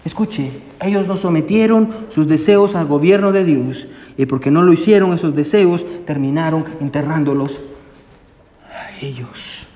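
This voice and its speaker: In a church sanctuary whose echo trails off in long reverb, a pastor delivers an emphatic sermon, piling on rhetorical questions and often saying "amen". His voice is a little high and mellow, moving at a moderate pace with few pauses.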